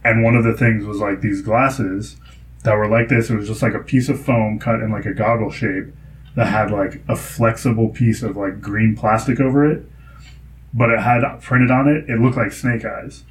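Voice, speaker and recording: A man's voice: lowish voice, fairly even intonation, normal speed, poor audio. A young man chatting casually, telling rambling stories full of fillers. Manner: rambling, filler-heavy storytelling. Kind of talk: casual chat.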